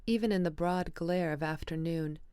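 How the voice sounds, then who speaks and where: A woman reading an audiobook in a measured, even way. Her voice sits low and smooth, and the recording is dry and close. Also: dry recording. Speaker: audiobook narrator. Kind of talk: audiobook narration.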